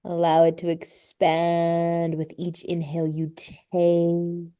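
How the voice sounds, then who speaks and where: Slow, mellow-voiced woman leading yoga. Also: on the low side, completely flat delivery, clear, resonant tone. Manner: slow, soothing cues with drawn-out breath prompts. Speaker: yoga instructor. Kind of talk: guided yoga class instruction. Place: live class space.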